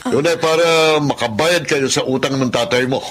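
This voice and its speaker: A man's voice: medium pitch, normal speed, background noise, close to an everyday voice. A man playing a stern, domineering rich employer in a radio drama, giving curt orders. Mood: commanding. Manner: commanding, curt. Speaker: wealthy creditor.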